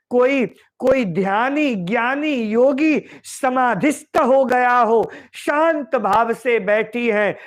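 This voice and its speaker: A male spiritual storyteller narrating a devotional tale, emotive and repeating phrases for emphasis. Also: very high voice.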